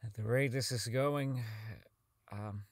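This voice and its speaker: In an audio drama, a man plays a socially inept, bitter company owner who rambles and stammers through his log as he slips toward madness. He sounds bitter and weary, self-loathing and foul-mouthed. His mid-range voice is slow with fairly even intonation, on a dry recording.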